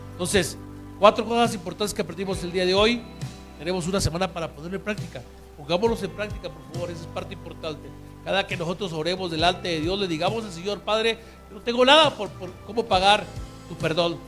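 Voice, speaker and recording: High-voiced conversational male preacher. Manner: conversational, asks rhetorical questions of the congregation. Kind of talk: sermon.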